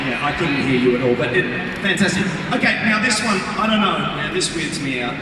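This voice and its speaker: A man preaching live to a big crowd in a booming, motivational way, playful and often shouting to work up the audience. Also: expressive, brisk. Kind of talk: animated live sermon to a large crowd. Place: large live event venue with crowd. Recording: echoey arena PA, distant, noisy crowd.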